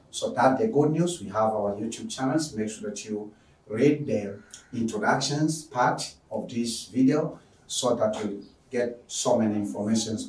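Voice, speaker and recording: A man with a Tanzanian accent giving a formal lecture introduction as an online teacher, speaking emphatically and repeating his phrases. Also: fairly low pitch. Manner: formal, emphatic, repeats phrases, poses questions and answers them. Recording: echoey room, distant microphone.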